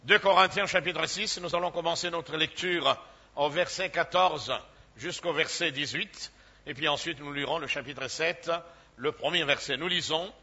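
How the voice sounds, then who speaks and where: A man's voice: fairly high pitch, moderate pace, sharp tone, slightly rough, lo-fi sound. A man preaching a sermon in an emphatic way, breaking off with calls of hallelujah.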